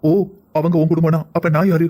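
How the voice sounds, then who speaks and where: A man speaks quickly in a somewhat high voice. He scolds and argues as a husband in a cartoon family drama. His lines come out rapid and sharp. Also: completely flat delivery. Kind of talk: Tamil cartoon voice acting.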